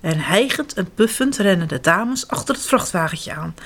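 A woman reading a children's story aloud, expressive and animated. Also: fairly low pitch, normal speed. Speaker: narrator.

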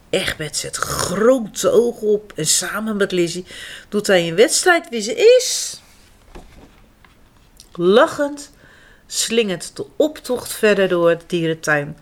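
A woman's voice: mid-range voice, lively intonation, slow. A woman reading picture books aloud to children in a sing-song storyteller's way.

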